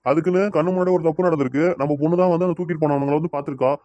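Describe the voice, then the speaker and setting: A man voices a dismissive husband and father in a homemade family drama. He talks very fast in a slightly high voice. The recording is dry and close. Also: fairly even intonation, dark tone, no echo, highs cut off, natural voice. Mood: explaining. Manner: brusque, dismissive then explaining. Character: calm father hiding daughter's whereabouts. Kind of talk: amateur family web drama.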